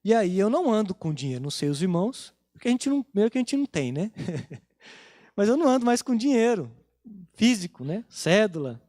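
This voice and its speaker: Very animated and fairly quick, a Brazilian-accented pastor with a rather high, darkish yet slightly mellow voice preaches in a church. He shares his sermon as a relaxed story of family talks, and the recording is dry and close with little room echo.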